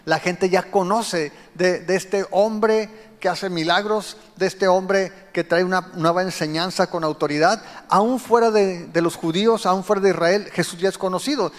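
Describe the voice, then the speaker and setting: A man's voice: high voice, steady tone, normal speed, long reverb tail. A man preaching a sermon, explaining scripture and speaking directly to his listeners. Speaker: pastor.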